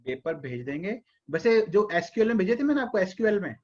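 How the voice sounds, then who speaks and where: A man teaching an online class, his voice pitched high for a man. He calls on students one by one and coaxes them toward the answer, step by step. The sound is dull and lo-fi. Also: very animated, quick pace, a little mellow. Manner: questions students by name, patient and coaxing.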